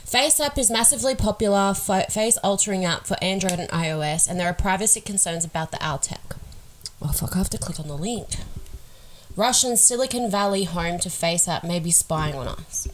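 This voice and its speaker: A woman's voice: mid-range voice, a little fast, a little hiss or hum, rough recording. A woman, chatting casually as a podcast co-host. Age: 20s. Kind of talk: casual chat.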